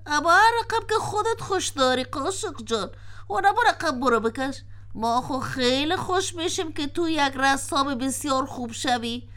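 A woman's voice: high voice, expressive. A woman voicing a patient, kindly cooking-pot character who reassures and advises a friend, with an Afghan Dari accent. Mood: encouraging. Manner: reassuring, gently instructive. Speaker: cartoon character. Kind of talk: children's cartoon voice acting.

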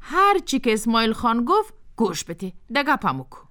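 A woman's voice: on the high side, very animated. An actress with an Afghan Dari accent playing a middle-aged mother who advises her daughter firmly. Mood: advising. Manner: warm advising, firm.

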